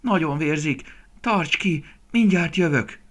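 A man voicing an eager young male roe deer fawn in a storybook, raising his voice high and calling out excitedly. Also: full character voice. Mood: frantic. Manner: excited, high-pitched calls.

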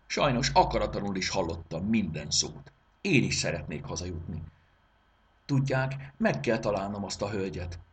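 A man's voice: low voice, a little hiss or hum. A man doing Debóra, a polite old pocket watch. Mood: wistful. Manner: courteous and apologetic, fussy about her springs.

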